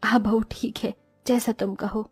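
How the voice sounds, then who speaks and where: Woman doing a stingy cartoon mother-in-law, bossy and grumbling, fairly high pitch. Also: fairly even intonation, normal speed, a little mellow, slightly rough, no room sound, soft background music. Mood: weary. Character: stingy scheming middle-aged mother-in-law.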